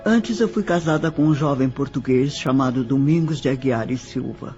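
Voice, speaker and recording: In a scripted audio drama monologue, a Brazilian-accented man plays a grieving nineteenth-century widow recalling her life slowly, formally and with measured reminiscence. His mid-range voice stays close to everyday speech, while music plays beneath a slightly muffled recording.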